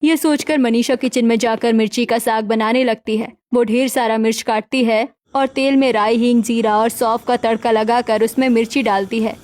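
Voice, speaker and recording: A woman's voice: a little high, level tone, moderate pace, few pauses, a little mellow. Woman narrating a cartoon story.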